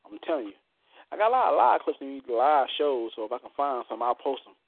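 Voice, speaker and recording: A man hosts a poetry show in casual, colloquial talk, playful and full of swagger. His mid-pitched voice comes dry over a thin, phone-like connection. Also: sing-song, fast talker, creaky, husky, dry recording. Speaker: host of a live poetry show. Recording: tinny, narrow-band radio-like line.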